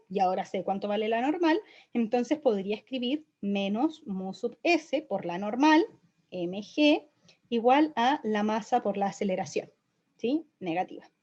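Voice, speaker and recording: A woman's voice: mid-range voice, a little mellow. A young woman teaching a recorded physics lesson, explaining step by step and checking in with her students often. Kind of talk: recorded online lecture. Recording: dull, lo-fi lecture audio.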